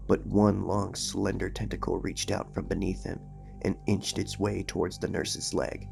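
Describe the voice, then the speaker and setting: The voice is a man's, fairly low, with vocal fry and a slightly mellow quality. He is the channel host and horror narrator, reading a creepypasta aloud in a suspenseful, dramatic style and then recapping it casually.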